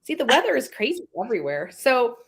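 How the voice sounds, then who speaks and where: Husky and a little high, her voice swings widely in pitch and runs fast. A live stream host nursing a congested head cold, she keeps up rambling, casual chat over viewer comments and laughs a great deal.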